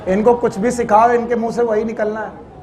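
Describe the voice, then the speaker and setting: A man's voice: high voice, fairly even intonation, normal speed, a little mellow, a faint crowd, a little hiss or hum. A man teaching biology to a class in Hindi with a Purvanchal accent, quizzing students and scolding them, dropping in English terms. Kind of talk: classroom lecture.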